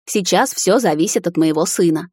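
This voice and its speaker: A woman voicing a calm, wise mother who gently soothes the king in an audiobook. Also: lowish voice, moderate pace, breathy edge, dry recording, studio quality. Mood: soothing. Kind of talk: audiobook character reading.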